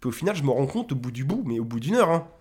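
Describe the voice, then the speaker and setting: A man in casual podcast chat, ranting in an animated way and swearing freely. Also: mid-range voice, racing, breathy edge. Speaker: podcast co-host.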